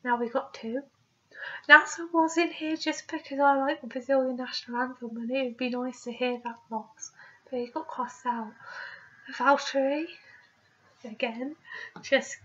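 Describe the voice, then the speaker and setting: A young woman speaks in a high voice while suffering from a cold. She rambles casually through questions in a self-deprecating way. The sound is lo-fi and slightly muffled, picked up by a webcam microphone in a small room. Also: a bit bright. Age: young adult. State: has a cold. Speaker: vlogger. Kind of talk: casual question-and-answer vlog. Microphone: webcam microphone at arm's length. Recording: dull lo-fi laptop webcam audio.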